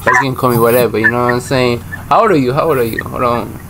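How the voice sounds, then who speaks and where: A man's voice: mid-range voice, fast, background noise. A man hosting random video chats, talking in slang with a mock-serious, teasing manner. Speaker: video chat host. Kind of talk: casual chat with strangers.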